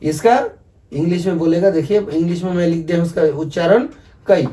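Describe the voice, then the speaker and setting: A man's voice: high-pitched, fairly quick, warm tone. A man whose first language is Bengali, teaching the alphabet in a patient, repetitive video lesson and asking viewers to repeat after him. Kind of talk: video lesson explaining script.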